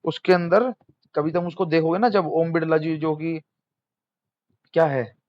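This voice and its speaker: A man's voice: on the high side, steady tone, unhurried, no room sound, highs cut off. A young man teaching exam material in a casual lecture, chatty, quizzing students and answering himself.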